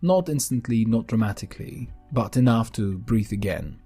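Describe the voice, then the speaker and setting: A man hosting a podcast in a calm, gentle, unhurried way, narrating a scripted grounding exercise with deliberate pauses. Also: on the low side, breathy edge, soft background music. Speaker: podcast host.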